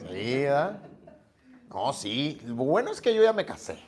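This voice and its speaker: A man's voice: mid-range voice, measured pace. A man preaching a sermon, telling stories and acting out the dialogue in them. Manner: storytelling, acts out dialogue with lively shifts. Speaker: pastor.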